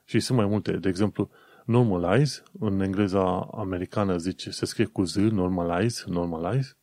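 Young Romanian man, host, deep mellow voice, chatty and rambling, dry close sound. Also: little pitch movement, dry recording. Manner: chatty, thinking aloud with many fillers and self-corrections. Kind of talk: casual commentary.

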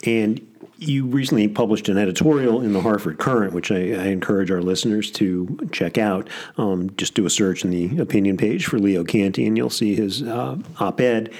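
Low-voiced male radio host. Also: normal speed, a little mellow. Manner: conversational, asks long framing questions. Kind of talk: interview questions.

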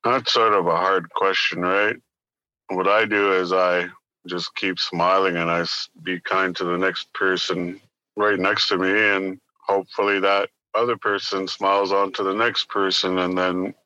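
Guy, real deep but forceful voice, plain spoken, pauses between phrases, interview answers. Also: flat delivery, no room sound, dull audio. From Arctic northern Canada. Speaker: interview guest, business owner.

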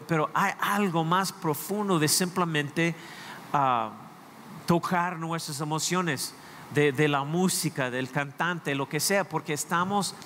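A man's voice: high voice, fairly bright tone, long reverb tail, a little hiss or hum. A man, a pastor preaching a sermon in a conversational way, asking his listeners questions directly.

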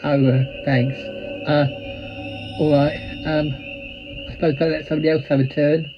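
A man's voice: fairly high pitch, flat delivery, moderate pace, natural voice. A man with a British accent playing a kindly, rambling, bashful bloke in an audio drama, hesitant and bumbling. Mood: awkward, kindly. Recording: muffled sound with prominent music. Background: music.

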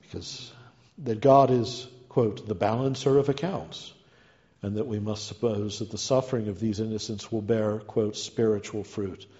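Male lecturer, dark-toned and erudite, rhetorical read delivery, slightly muffled recording with long hall reverb. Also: sits low, a little hiss or hum. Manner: erudite, ornate literary phrasing. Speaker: guest lecturer giving a talk. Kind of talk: scholarly lecture read from a prepared text.

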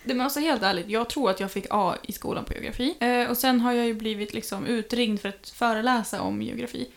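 A young woman co-hosting a podcast in casual chat, teasing and mocking herself. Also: fairly high pitch. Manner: teasing, self-mocking banter. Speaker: podcast co-host.

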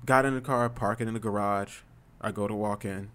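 A man's voice: fairly low pitch, steady tone, fairly quick, a bit bright. A young man, a streamer, telling a story in casual chat, rambling and swearing, growing heated as he retells it.

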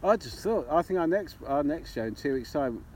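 A man's voice: on the high side, expressive, fairly quick, a little mellow, slight background noise. A young man co-hosting a podcast, joking crudely and swearing freely in casual banter. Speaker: podcast co-host.

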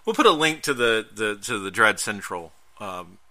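Bright-voiced man in animated chat. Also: fairly low pitch, normal speed. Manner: animated, talks over his co-host, frequent restarts. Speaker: podcast co-host. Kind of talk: casual chat.

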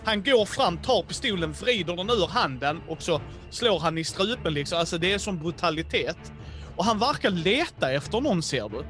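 A man narrating as game master in a casual, animated way with many filler words. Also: high-pitched, faint music behind. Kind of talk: casual role-play narration.

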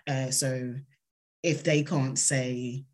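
A woman with a South London accent answering interview questions in an earnest, measured, conversational way. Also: rumbling low, steady tone, darkish tone. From South London, England. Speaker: interview guest, consultant.

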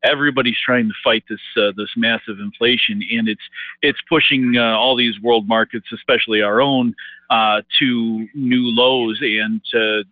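Play a man talking over the phone, halting with many fillers as he explains markets. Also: mid-range voice, fairly even intonation, no echo. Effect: heard over the phone. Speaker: market analyst guest. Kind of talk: market commentary interview. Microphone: telephone. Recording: dry tinny phone line.

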